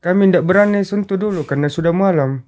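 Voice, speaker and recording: A man with a slightly high voice, chatting casually in an interview. He tells a story and acts out each line of dialogue as he quotes it. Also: fast, a little mellow. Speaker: rescue volunteer guest.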